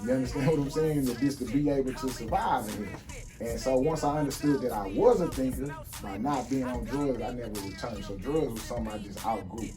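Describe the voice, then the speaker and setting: A man in his forties, speaking casually and telling his life story in a relaxed, street-wise way as the guest of an interview. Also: medium pitch, a little fast, recorded from a distance, over music. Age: 40s. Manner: relaxed street-wise storytelling, frequent "you see what I'm saying". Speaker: guest entrepreneur.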